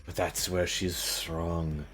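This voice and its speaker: Casting: a man as cold male serpent creature for tabletop game, hushed snake voice, low and slow. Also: little pitch movement, soft background music. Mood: cold, ominous.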